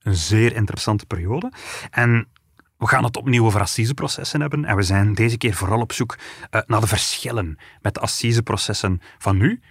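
A man's voice: on the low side, a little fast, a bit bright, husky, no echo, clean studio sound. A man, a journalist, co-hosting a podcast and explaining a past case in an storytelling way. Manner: explanatory storytelling, some restarts. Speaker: journalist co-host. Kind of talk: podcast conversation.

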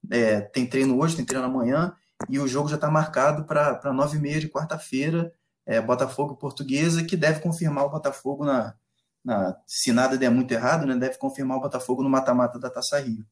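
A man with a Brazilian accent giving casual football analysis as a reporter, in halting, pieced-together phrases. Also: medium pitch, steady tone.

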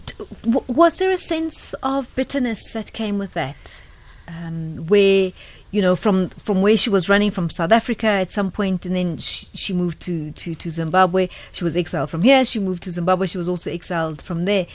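A woman's voice: fairly low pitch, normal speed, hardly any pauses, dry recording. A woman hosting an interview, asking probing questions with frequent restarts and short affirming sounds. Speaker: interview host. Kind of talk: casual interview conversation.

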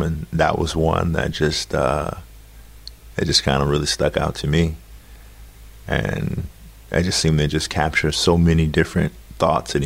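Very deep, gravelly, thoughtful man. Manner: halting, thoughtful. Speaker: interview guest, photographer. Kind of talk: reflective conversational interview.

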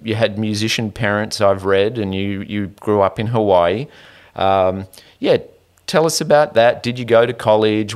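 A man hosting a podcast interview, telling a story in an animated, rambling way with restarts and trailing asides. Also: lowish voice, clean tone. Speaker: podcast host. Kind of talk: conversational interview.

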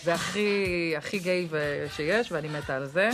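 A woman's voice: lowish voice, loud music behind the voice. A female comedian speaking enthusiastically in casual commentary.

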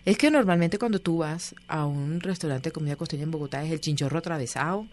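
A woman, a guest in an interview, telling stories in a lively, chatty way and acting out the voices of the people she quotes. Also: low voice, quick pace. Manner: animated storyteller, acts out quoted voices. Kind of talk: casual interview storytelling.

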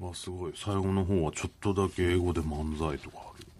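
A man's voice: sits low, steady tone, fast, darkish tone. A Japanese man co-hosting a radio show, chatting casually, backing up his partner with short replies and laughing often. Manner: frequent short backchannels and bursts of laughter.

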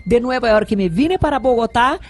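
A middle-aged woman from Brazil with a Brazilian Portuguese accent, talking as a sexologist guest in a lively, rambling way, often laughing. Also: a little high, normal speed. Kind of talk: casual interview chat.

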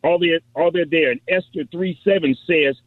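A man's voice: on the high side, normal speed, no echo. A man, a pastor, calling in to a radio show over the telephone line, eager and repeating himself as he cites scripture verses. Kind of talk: phone-in radio call. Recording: narrow tinny phone line, dry.

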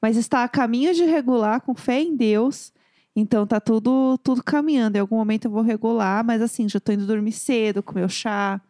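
A woman's voice: fairly high pitch, fairly quick, mellow, no echo, clean studio sound. A woman co-hosting a podcast, reacting playfully in casual chat. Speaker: podcast co-host.

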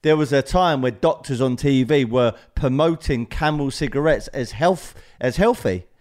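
A man's voice: medium pitch, normal speed, a little mellow. A British man in his thirties hosting an interview, earnest and often restarting his sentences. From Britain. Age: 30s. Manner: earnest, stammers and restarts while framing questions. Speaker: podcast host. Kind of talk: interviewing a guest over video call.

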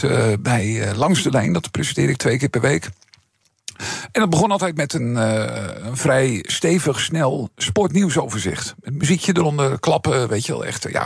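A middle-aged Dutch man, a former radio presenter, talking reflectively as a guest with a husky, strained voice and many fillers. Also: on the high side, no room sound, studio quality. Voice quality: husky, strained voice from vocal cord problems. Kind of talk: casual interview talk.

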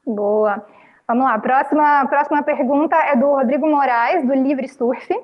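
A woman moderating a press conference, briskly reading out questions. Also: sits high, muffled recording.

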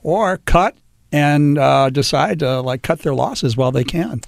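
A man's voice: on the high side, expressive, gravelly, no echo. A man hosting a radio talk show, chatting confidently and with opinions about politics with his guests into a studio mic. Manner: opinionated, confident, quick to joke. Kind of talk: casual political chat.

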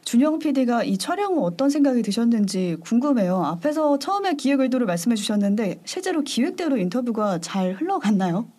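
A woman hosting a conversational interview, asking gentle, attentive questions. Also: on the high side, sing-song, fairly quick, few pauses. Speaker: podcast host.

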